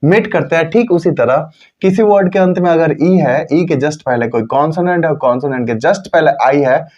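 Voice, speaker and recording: A man with a fairly high voice teaches pronunciation rules as a patient, methodical tutor. He repeats each key word slowly and answers his own questions. The recording has a slightly dull, lo-fi sound. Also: a little mellow. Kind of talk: Hindi lesson explaining English spelling rules.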